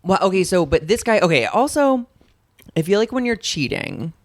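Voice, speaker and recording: A man with a slightly raised voice hosts a podcast, teasing his guest with quick jokes and playful prodding. The sound is dry and close. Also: sits high, very animated, dry recording. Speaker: podcast host. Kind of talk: casual comedic interview.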